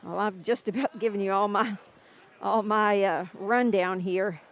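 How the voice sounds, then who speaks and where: A woman's voice: mid-range voice, fairly even intonation, measured pace. A woman radio sports announcer filling air time during a game delay, chatting and rattling off scores and player stats.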